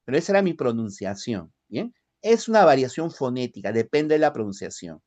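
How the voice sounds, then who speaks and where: A man from the Peruvian highlands with a Lima accent, lecturing a language class and often checking in with short tag questions. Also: big pitch swings, brisk, a little mellow. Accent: Lima Spanish. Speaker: language teacher.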